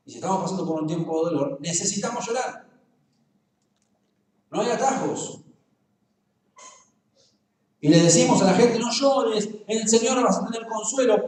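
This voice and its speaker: A man's voice: fairly high pitch, darkish tone, far from the mic, slight background noise. A man with a Rioplatense Argentine accent preaching a sermon, joking and talking straight to the congregation. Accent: Rioplatense Spanish. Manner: humorous, conversational, addresses the congregation directly. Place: church hall. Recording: very echoey church, voice from afar.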